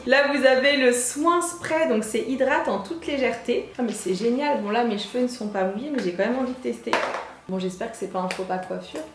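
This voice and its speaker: A woman's voice: sits high, roomy sound. A young woman chatting enthusiastically through a beauty unboxing, gushing over each product. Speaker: beauty vlogger. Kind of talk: casual unboxing chat.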